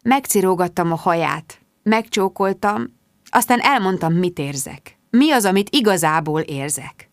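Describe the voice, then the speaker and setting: A woman narrating a comic audiobook, animated in her storytelling, her pitch rising and falling a great deal. The sound is close and dry, without any room echo.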